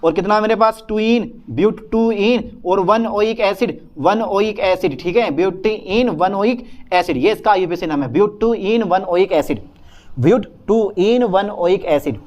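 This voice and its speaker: A man's voice: sits high, measured pace, a little mellow, highs cut off. A young man lecturing on chemistry at a whiteboard, talking to his students and answering his own questions in a student's voice. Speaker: chemistry teacher.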